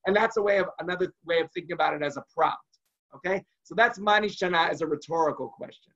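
High-voiced man teaching, lo-fi call audio. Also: quick pace, bright, forceful tone. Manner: conversational, acts out quoted voices. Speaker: rabbi teaching a class. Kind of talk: online lecture.

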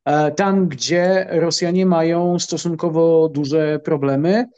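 A middle-aged man from Poland, a military analyst answering interview questions in a measured, halting way with many filler pauses. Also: a little high, steady tone, a little mellow, clean tone, muffled recording.

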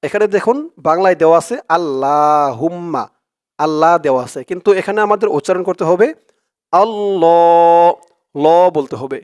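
A man with a Bangladeshi Bengali accent, a religious teacher giving a recitation lesson, explaining plainly and then chanting words slowly and drawn-out for the listener to repeat. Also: fairly high pitch, dry recording, studio quality.

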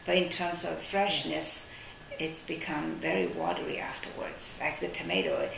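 Seated at a desk in a sunlit office, a woman who represents a caviar company talks through her product during an interview. Her low, gravelly voice is sing-song and a little bright at a normal speed, though she hesitates and fills gaps while searching for words. A distant mic in the echoey room picks up faint hiss.

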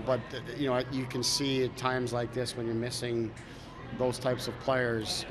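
A man in his forties, a hockey head coach, answering reporters after a game in a measured, self-critical way with many fillers and restarts, into a cluster of handheld mics. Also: medium pitch. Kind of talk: post-game media scrum. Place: arena media backdrop, indoors. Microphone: cluster of handheld recorders and mics.

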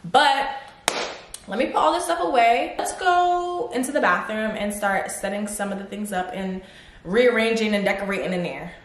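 A young woman chatting excitedly to the camera in her apartment for a casual vlog. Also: medium pitch, normal speed, a little hiss or hum. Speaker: vlogger. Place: apartment at home. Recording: echoey room.

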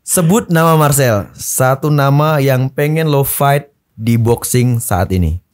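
A man's voice: mid-range voice, slow pace. A man hosting a casual podcast interview, asking short questions and often murmuring agreement. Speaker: podcast host.

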